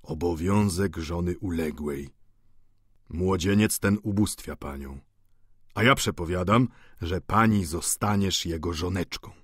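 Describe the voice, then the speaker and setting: A man's voice: mid-range voice, lively intonation, unhurried, fairly bright tone, dry recording, studio quality. A man voicing a boisterous middle-aged lodger who talks in a hearty, teasing, playful way.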